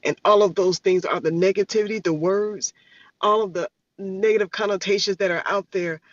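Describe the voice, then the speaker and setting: A man's voice: high voice, fairly even intonation, moderate pace, dry recording. A man speaking earnestly and passionately as a guest, sometimes searching for words. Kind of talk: earnest reflective speech. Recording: dull lo-fi online audio.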